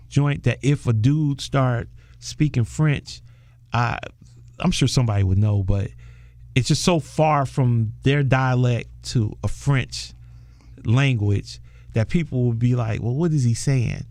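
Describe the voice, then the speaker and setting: Male director guest, lively storyteller who does the voices, in a dry close-miked room. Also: medium pitch, unhurried, no room sound. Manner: animated storyteller, acts out quoted voices. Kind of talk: casual interview talk.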